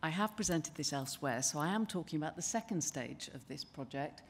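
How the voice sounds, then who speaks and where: An older woman with a low, animated voice presents at a conference from a lectern in a large wood-panelled hall. Her delivery is measured and conversational, full of ums and restarts. The lectern microphone picks up a little hiss or hum.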